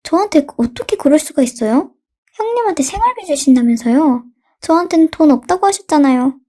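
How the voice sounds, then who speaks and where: A woman's voice: high-pitched, animated, brisk, mellow. A woman reading a pushy, indignant young daughter-in-law. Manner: demanding, indignant. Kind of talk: radio story reading.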